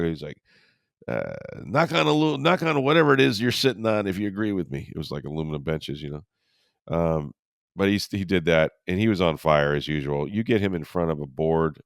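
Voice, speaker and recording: A deep-voiced man co-hosting a sports podcast, talking through a cold that leaves him hoarse. He tells his stories in an animated, chatty way, and his voice sits close and dry with no room sound. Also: dry recording. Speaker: podcast co-host.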